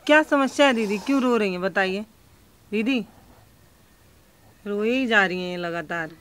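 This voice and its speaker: A woman's voice: mid-range voice, normal speed, a bit bright, smooth. A woman reporting on location as a field news reporter, coaxing and pleading with questions, then speaking impassioned to camera.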